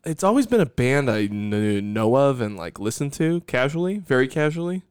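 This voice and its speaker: Podcast co-host, male, smooth and a bit low, dry mic, easygoing ramble. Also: moderate pace, no room sound. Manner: relaxed, rambling, trails off. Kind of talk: casual chat.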